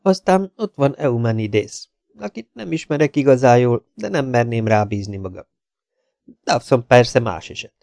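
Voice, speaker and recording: A man reading an audiobook, voicing a worried male meteorologist who speaks in a measured, sober and earnest way. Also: medium pitch, animated, creaky, darkish tone, no echo, clean studio sound, pitched above the performer's own voice.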